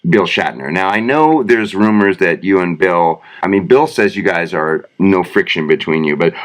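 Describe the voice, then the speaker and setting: Deep-voiced male podcast host. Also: moderate pace. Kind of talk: mock interview. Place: studio.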